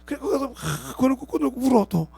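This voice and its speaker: Man pastor giving a sermon, very raspy husky voice, keeps asking the crowd questions, voices other people. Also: extremely high pitch, animated, fast talker, dark tone, dry recording. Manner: emphatic, voices imagined speakers, repeated rhetorical questions. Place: church sanctuary.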